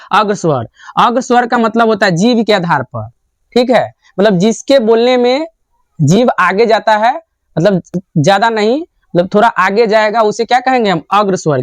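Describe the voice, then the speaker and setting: A man's voice: sits high, no room sound, studio quality. A young man teaching grammar in a classroom lecture style. He asks a question, answers it himself and repeats the answer.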